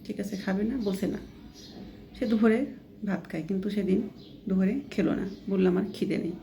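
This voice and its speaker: A woman's voice: mid-range voice, normal speed, vocal fry, dark tone, slight background noise. A woman vlogger telling a first-person story in a casual, chatty way, quoting others as she goes and often adding a checking question. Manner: plainly quotes others within the story.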